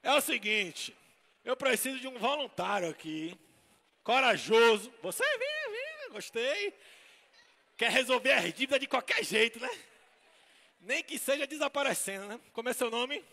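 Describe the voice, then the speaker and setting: A man's voice: very high-pitched, lively intonation, moderate pace, vocal fry, pushed and bright. A man with a Bahian accent performing as a clown magician in a live stage comedy act, teasing the crowd with playful banter. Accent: Bahian Portuguese. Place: shopping mall event stage. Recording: long echoey hall reverb.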